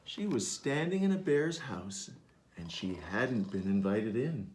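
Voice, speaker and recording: Slow, lively man reading a picture book. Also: mid-range voice. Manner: animated, asks listeners to join in. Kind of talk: interactive read-aloud for children.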